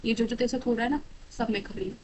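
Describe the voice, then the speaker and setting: A woman voicing a menacing teenage girl bully, speaking low and hushed. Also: steady tone, very fast, background noise, lightly acted.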